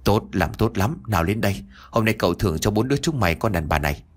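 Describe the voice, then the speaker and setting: A man voicing a cruel, lecherous young landlord's son who gives gruff, commanding orders. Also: on the low side, lively intonation, fast talker. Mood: menacing.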